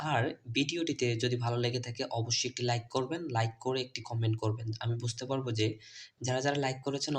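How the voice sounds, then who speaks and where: Guy teaching english phonics, spells letters out and repeats words, bengali first language, medium pitch. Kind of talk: phonics lesson video.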